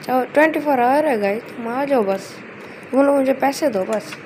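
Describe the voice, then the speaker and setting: A woman's voice: high-pitched, moderate pace, poor audio. Chatty woman narrating her gameplay. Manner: chatty, keeps addressing viewers as guys. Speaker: gameplay video host. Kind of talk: casual let's-play commentary. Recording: steady background noise.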